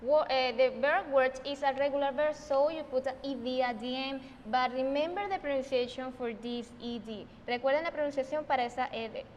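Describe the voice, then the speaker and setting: Venezuelan lady teacher, high voice, repeats words slow, echoey room w faint hum. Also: lo-fi sound. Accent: Venezuelan Spanish. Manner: slow, emphatic repetition of example words; switches between Spanish and English. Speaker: English teacher. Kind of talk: recorded online English lesson.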